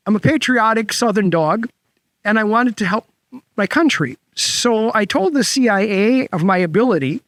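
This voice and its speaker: A boastful old Labrador spins his tall tale in a folksy, self-satisfied drawl, as a man puts him on. The voice sits fairly high and sounds dry and close, with no room around it. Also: animated, moderate pace, fairly bright tone, dry recording. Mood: proud, folksy. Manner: folksy, proud storytelling. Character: boastful talking Labrador retriever, male, retired spy.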